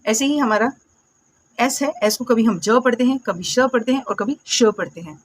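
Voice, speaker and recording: A woman gives a classroom phonics lesson, her voice pitched a little high. She asks her viewers a question, answers it herself and says each word slowly twice. The sound is close and dry, with no room echo. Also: expressive. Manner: patient, calls viewers "my dear friends" and "beta". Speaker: English teacher.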